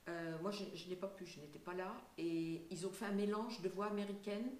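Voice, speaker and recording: A woman's voice: fairly low pitch, steady tone, a little fast, darkish tone, echoey room. An older woman being interviewed, talking casually and hesitantly with many fillers and light laughs. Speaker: singer and voice actress, guest.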